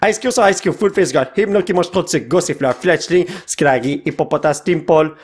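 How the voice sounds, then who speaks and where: A man with a Quebec French accent hosting a casual card-opening video, excitable, breaking into shouts and laughs and dropping English words. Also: fairly high pitch, moderate pace, slightly rough. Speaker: card-opening channel host. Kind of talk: casual pack-opening commentary.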